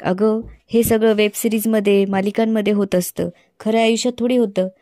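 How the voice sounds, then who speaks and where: A woman reading a calm, caring young husband. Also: mid-range voice, fairly quick, no echo, lightly acted. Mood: soothing. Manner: read in the narrator's own even voice.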